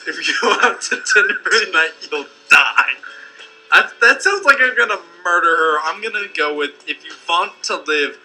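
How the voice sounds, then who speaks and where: A man's voice: on the high side, expressive, moderate pace, pushed and bright, low-quality recording. A young man casually commenting on a game, joking, laughing and reading dialogue choices aloud. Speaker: let's play host. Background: game music.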